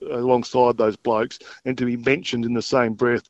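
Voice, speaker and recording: A man's voice: mid-range voice, little pitch movement, normal speed, darkish tone, no echo. An older-sounding Australian man from South Australia reminiscing casually as an interview guest, with a laconic, matter-of-fact, self-effacing drawl. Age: middle-aged or older. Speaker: retired footballer, interview guest. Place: phone call into a radio show. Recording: slightly dull phone-in audio.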